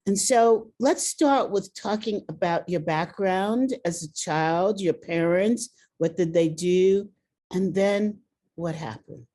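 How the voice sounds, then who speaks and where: A woman hosting a podcast interview, brisk and emphatic as she asks her guest questions. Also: lowish voice, mellow. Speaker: podcast host and leadership coach.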